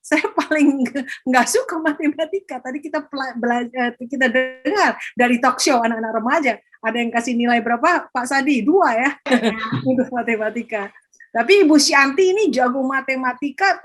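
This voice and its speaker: An older woman, a grandmother and education coordinator, telling lively stories with acted quotes during a conference talk. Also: high voice.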